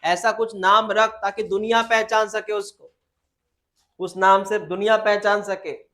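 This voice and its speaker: A biology teacher talks a class through a lesson in a high, lively voice. He keeps it informal, calls the students beta and fires questions he then answers himself. English textbook lines come out slow and deliberate. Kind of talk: classroom lecture.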